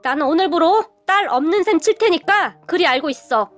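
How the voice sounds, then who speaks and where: A woman voicing a stern, quick-tempered older father-in-law in a spoken story. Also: extremely high pitch, lively intonation, soft background music. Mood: angry. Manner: stern, firm.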